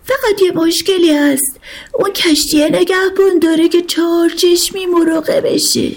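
A woman voicing the biggest, oldest dolphin, a kind and wise creature who explains things gently and patiently. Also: very high voice, steady tone, creaky, voice pushed up.

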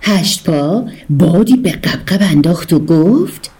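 A woman narrating a children's story in an expressive, lively storytelling way. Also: lowish voice, slightly rough.

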